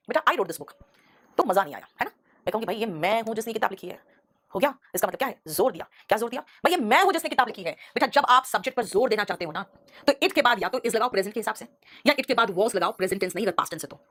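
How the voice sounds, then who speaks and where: Brisk, higher-pitched woman teaching grammar. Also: a bit bright. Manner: addresses students as beta, scolding asides; repeats rules, mixes Hindi with English examples. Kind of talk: live online class.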